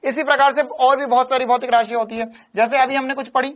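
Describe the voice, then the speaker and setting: A man's voice: very high voice, little pitch movement, fast. A man from India teaching physics in a lecture style. He is playful and repeats phrases in a rhythmic way.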